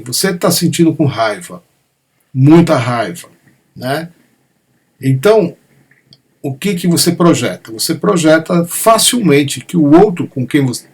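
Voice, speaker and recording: A man with a somewhat high, gravelly and husky voice gives an unhurried spiritual talk. He explains patiently and keeps checking in with his listeners. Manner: gentle, frequent "né?" tags, calm explanatory pacing. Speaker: spiritual teacher leading an online satsang. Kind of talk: unscripted spiritual talk answering questions. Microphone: online meeting microphone.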